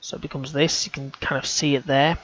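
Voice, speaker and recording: An amateur researcher talks through images on screen, casual and hesitant, often restarting and correcting himself as he thinks aloud. His mid-range voice is brisk and a bit bright with little pitch movement, recorded with no room sound and the highs cut off.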